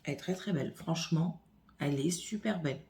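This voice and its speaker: A chatty beauty vlogger with a low-pitched, darkish voice unboxes makeup at home, talking quickly. She thinks aloud while opening products in a casual makeup haul with swatches, recorded on a phone camera.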